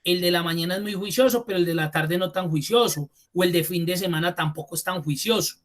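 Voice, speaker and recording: His voice sits high as he teaches spreadsheets online, speaking informally and directly to the class. The computer course instructor repeats key terms slowly to emphasize them.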